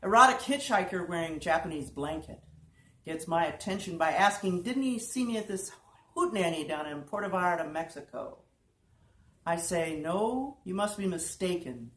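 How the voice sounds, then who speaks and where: A woman giving a live reading of a prose piece at an art gallery event, measured and deliberate, slowing on lists. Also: on the low side, animated, fairly bright tone. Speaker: poetry reader. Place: art lofts gallery, indoors. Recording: roomy room reverb, faint background hum.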